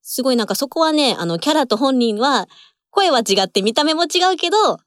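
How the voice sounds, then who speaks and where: A woman co-hosting a casual talk segment, relaxed and thoughtful. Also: sits high, brisk, no echo, studio quality. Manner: relaxed, thoughtful, many fillers. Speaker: co-host. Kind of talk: casual chat.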